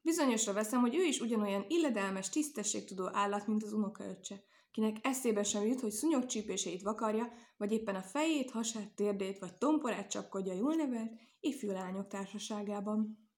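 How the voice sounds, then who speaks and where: A woman reading aloud and voicing a prim, proper mother sheep who is gently firm with her daughters. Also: medium pitch, lightly acted. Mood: courteous.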